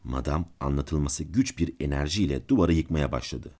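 A man reading a classic story aloud as a channel's narrator, calm and measured. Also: extremely low pitch. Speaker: audiobook narrator and channel host.

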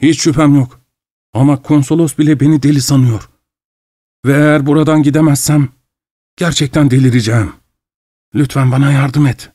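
A feverish, frightened scientist, as a storyteller puts him on, his voice pushed high and tight with panic. He pleads and rattles on, high-strung and trembling. The sound is dry and close. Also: fairly even intonation, moderate pace, long pauses, mellow, dry recording, natural voice. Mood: pleading. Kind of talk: audiobook character voice.

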